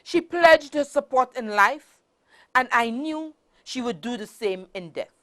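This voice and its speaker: A woman with a high voice delivers a prepared motivational speech. She speaks in formal, emphatic phrases, deliberately placed. Her R's are not fully formed and sound close to W's. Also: lively intonation, fairly bright tone. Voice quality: cannot pronounce R's properly, says w-like sound for r.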